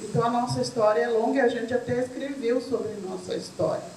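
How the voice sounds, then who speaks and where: With a fairly high, slightly mellow voice and a quick pace, a middle-aged Brazilian guest chats about her own life, leaning on plenty of tag questions. The recording is distant and echoey, with faint noise.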